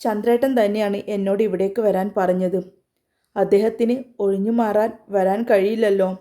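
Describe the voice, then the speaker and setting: A woman voicing a tearful middle-aged mother who speaks in a soft, sorrowful, pleading way. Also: medium pitch, fairly even intonation, normal speed, natural voice.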